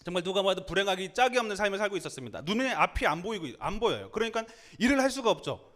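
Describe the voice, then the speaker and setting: A male preacher with a high, lively voice that swings up and down as he tells the story. He keeps turning to the congregation with questions as he preaches. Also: very fast. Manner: animated, asks the listeners rhetorical questions. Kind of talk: sermon.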